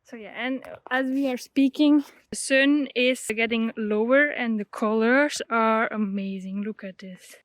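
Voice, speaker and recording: A woman's voice: a little high, a little slow, hardly any pauses, dry recording. A woman from Belgium talking casually as she vlogs. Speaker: vlogger. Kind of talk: casual vlog chat.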